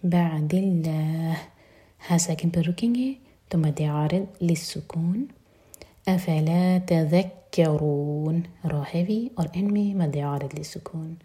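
A woman teaching a Quran recitation lesson. She whispers her explanations, recites verses slowly and drawn out, and breaks words down letter by letter. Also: on the low side, dark tone. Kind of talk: tajweed lesson.

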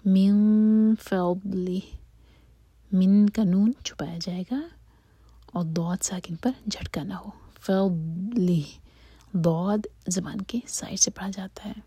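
A woman with a mellow, breathy voice teaches recitation, mostly in a hushed whisper. She recites verses slowly, stretching the vowels, and the recording is close and dry. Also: mid-range voice, no room sound. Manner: soft whispered explanations between slow drawn-out recitation. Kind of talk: tajweed lesson with recitation.

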